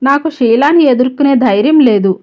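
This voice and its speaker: A woman storyteller voicing a timid, troubled young woman office worker who speaks hesitantly and quietly, on a slightly dull lo-fi recording. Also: high voice, moderate pace, natural voice.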